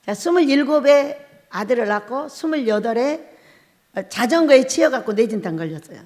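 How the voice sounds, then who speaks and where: Lively high-voiced woman pastor in a hall. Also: moderate pace. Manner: storytelling, laughs often, acts out her own crying and shouting. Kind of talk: sermon with personal testimony. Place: church hall. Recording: long hall reverb.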